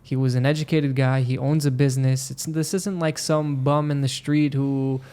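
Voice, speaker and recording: A man from Israel, appearing as a podcast guest, recounts his experiences in a loose, unhurried chat, hesitating often with "um" and "you know." His voice is middle-pitched, steady, and warm, and the sound is clean.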